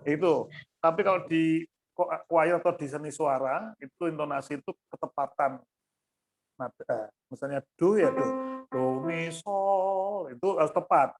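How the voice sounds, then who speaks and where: A man's voice: fairly high pitch, moderate pace, music in the background. A man, a choir coach, chatting loosely through a lesson on intonation and singing short note examples.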